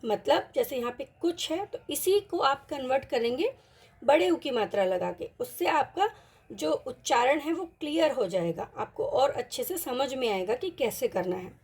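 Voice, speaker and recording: A woman with a high, animated, slightly rough voice teaches an online Hindi lesson. She patiently mixes in English words and repeats each example word slowly.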